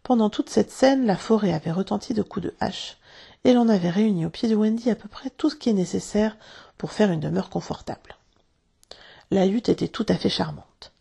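Gravelly, breathy woman reading a storybook. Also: medium pitch. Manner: calm, measured narration. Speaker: narrator.

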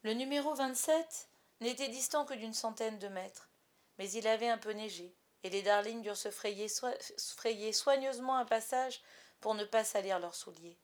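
A woman narrating a storybook in a measured, expressive way. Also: a little high. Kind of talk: storybook reading.

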